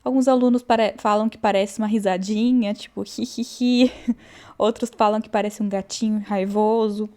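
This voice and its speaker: Woman, language teacher, warm mellow tone, patient, repeats words slowly, casual lesson. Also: mid-range voice, flat delivery. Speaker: German teacher. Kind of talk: relaxed online language lesson.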